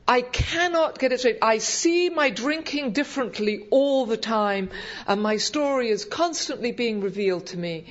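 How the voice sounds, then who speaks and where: A woman's voice: on the high side, expressive, normal speed. An English-accented woman giving a humorous personal talk to an audience at a convention, wry, hesitant and self-deprecating. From England. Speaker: guest convention speaker. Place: convention meeting room, speaking to an audience. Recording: dull, lo-fi live event recording.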